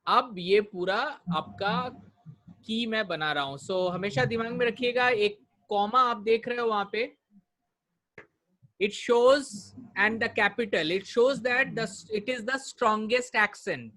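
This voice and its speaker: Indian English man as a pronunciation teacher, fairly high voice, syllable-by-syllable drilling. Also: sharp tone. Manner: drills words slowly, mixing Hindi and English. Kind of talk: online spoken-English class.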